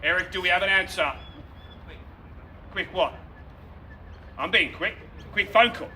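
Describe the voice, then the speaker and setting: A man with a high voice runs a live street auction, projecting emphatically and repeating the bids. He is picked up from a distance, with clear street noise around him. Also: a little slow, sharp tone. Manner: projected, emphatic, repetitive bid calling. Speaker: property auctioneer. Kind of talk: live auction calling to a crowd. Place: outdoors in a residential street. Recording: distant mic, noisy street with vehicles.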